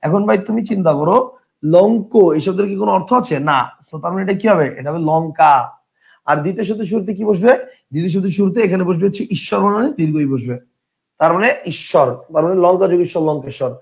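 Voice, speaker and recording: High, gravelly tutor. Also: male voice, darkish tone. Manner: explains step by step with rhetorical questions; drawls example words slowly, mixes in English words. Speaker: teacher. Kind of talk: Bengali grammar lesson.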